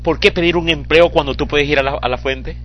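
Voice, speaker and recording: A man preaching a fiery sermon, swinging from hushed, almost whispered lines to tearful shouts. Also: on the high side, a little fast, a little hiss or hum.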